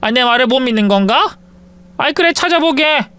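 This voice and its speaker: A man's voice: extremely high pitch, lively intonation, a little fast, sharp tone, clean tone, pitched above the performer's own voice, heavily acted. A man voicing an older mother-in-law who pleads and scolds in old-fashioned speech. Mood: fretful.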